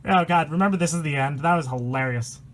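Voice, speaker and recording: Reading fast in a slightly high, somewhat bright voice, this amateur host tackles a rhyming horror story dramatically and without reverence. Words trip him up, and he swears in offhand asides.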